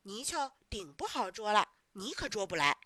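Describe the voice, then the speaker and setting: A woman playing a doubting little village boy in a children's storybook, challenging and a touch superior. The voice is bright and lively, and the recording is close and dry. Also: a little high, a little fast, no room sound. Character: skeptical know-it-all village boy.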